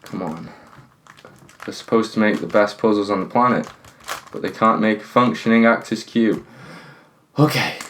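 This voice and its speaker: Very low-voiced man pleading with a puzzle. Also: normal speed, long pauses, a bit bright, a little hiss or hum. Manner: talks to the puzzle, pleading and exasperated; thinks aloud, counting pieces. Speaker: puzzle solving channel host. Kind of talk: casual talk while solving a puzzle.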